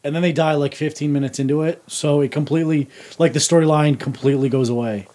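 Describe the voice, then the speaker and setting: A man's voice: on the high side, steady tone, fast, warm tone. A man with a nasal voice, giving blunt opinions as a guest on a casual podcast.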